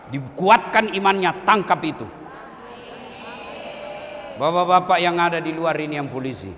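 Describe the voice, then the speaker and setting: Seorang pria penceramah dari Sulawesi Selatan berlogat Sulawesi Selatan, berceramah kepada jamaah besar sambil bercanda dan sesekali berteriak penuh penekanan. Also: male voice, a little high, a little hiss or hum. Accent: South Sulawesi Indonesian. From South Sulawesi, Indonesia. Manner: joking, rising to loud emphatic bursts. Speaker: preacher. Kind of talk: humorous sermon to a large crowd. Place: large public religious gathering. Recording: long reverb from a large venue.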